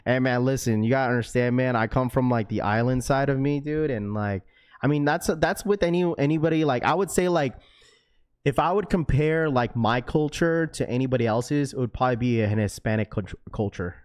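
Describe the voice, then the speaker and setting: Speaking fairly quickly in a smooth, medium-pitched voice, a casual Washington state man hosts a livestream and reads chat, his speech loaded with "bro," "dude" and "like." He's between young adult and middle age and is the parent of a schoolchild daughter. The recording is dry and studio quality.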